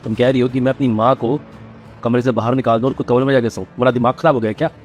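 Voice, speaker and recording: A man's voice: medium pitch, fairly even intonation, rapid-fire, a little mellow, faint music behind, lightly acted. A man playing a tired son caught between his mother and his wife, exasperated and pleading. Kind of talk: Hindi family drama acting.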